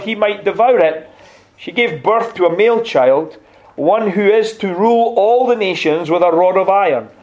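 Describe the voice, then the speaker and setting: Scottish pastor preaching, slightly high voice. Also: male voice. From Scotland. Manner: warm, conversational, gently humorous pulpit delivery. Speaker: visiting pastor. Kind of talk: sermon with scripture reading. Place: church sanctuary.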